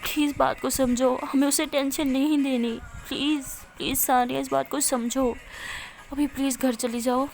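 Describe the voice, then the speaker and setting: Soft, coaxing, protective young woman, voiced by a female storyteller; fairly high voice. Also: steady tone. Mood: pleading.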